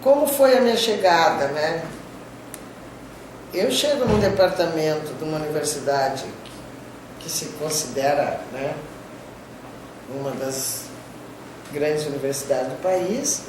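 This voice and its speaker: An older woman professor from the southern Brazilian border region recalls her career in an interview, speaking low, a little slowly, and pausing often. Her Gaúcho accent is sprinkled with Spanish terms, and she tags sentences with "né?" as she tells her story conversationally. The distant mic picks up an echoey room and clear background noise.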